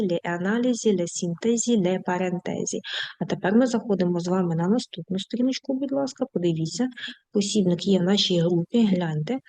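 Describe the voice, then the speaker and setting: A woman teaching an online language lesson, reading word lists slowly and patiently and speaking to her students affectionately. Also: mid-range voice, dark tone.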